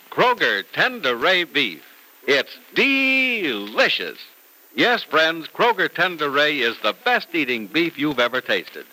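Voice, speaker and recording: A man's voice: mid-range voice, sharp tone. A man with an American accent announcing in old-time radio style, reading narration and ads with emphatic, polished salesmanship. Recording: noisy vintage radio recording.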